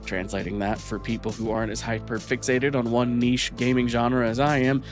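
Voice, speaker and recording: A man's voice: medium pitch, little pitch movement, fairly quick, faint music behind. A man hosting and reading a scripted entertainment review. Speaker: video host reviewer.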